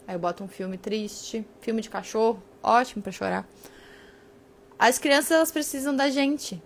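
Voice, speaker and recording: A woman's voice: mid-range voice, a little hiss or hum. A woman, hosting a live book study in a chatty teaching tone that keeps checking in with "né?". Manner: chatty, often ends with "né?" and "tá?". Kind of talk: casual teaching talk on a live stream.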